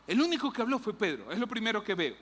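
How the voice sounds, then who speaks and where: A woman preaching a lively sermon in a church, acting out Bible characters. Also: medium pitch, fast, big-room sound. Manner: animated, acts out Bible characters' lines, jokes with the audience. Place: church hall.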